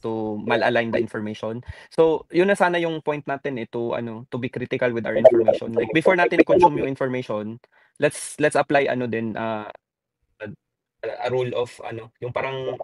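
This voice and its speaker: A man's voice: mid-range voice, moderate pace, dry recording. A Filipino-accented man speaks in an ordinary middle register on an online panel. His talk is loose and casual, full of fillers and restarts, and the sound is dry and close.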